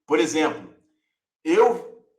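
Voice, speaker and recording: A man's voice: fairly high pitch, sing-song, takes it slowly, darkish tone, echoey room. A man from Rio de Janeiro with a Carioca accent, giving a live-streamed Bible lesson and repeating words to demonstrate how they are pronounced. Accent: Carioca Brazilian Portuguese. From Rio de Janeiro, Brazil.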